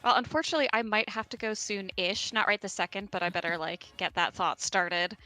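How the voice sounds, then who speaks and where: A woman's voice: mid-range voice, fairly quick, pushed and bright, faint music behind. A young adult woman guest on a chat stream, friendly and giggly as she winds down.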